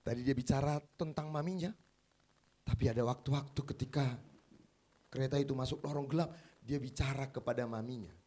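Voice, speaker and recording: A man preaching a sermon as pastor at a church service, emphatic, swinging between loud exclamations and quiet, confiding passages. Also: medium pitch, fairly even intonation, brisk.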